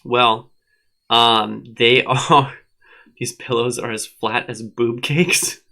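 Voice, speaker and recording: A man's voice: mid-range voice, steady tone, slow pace, creaky, sharp tone. A man co-hosting a live online show, chatting casually, teasing and laughing often. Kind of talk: casual banter. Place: at a desk at home with a dog.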